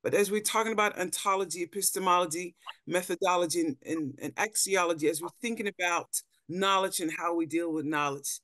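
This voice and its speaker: Over a video call from an indoor room, this middle-aged woman from the Netherlands, an anthropologist on a panel, delivers a reflective lecture with slides and frequently repeats words while hunting for the right phrasing. She speaks fairly quickly, barely pausing, in a lowish, fairly bright voice. There's no room sound.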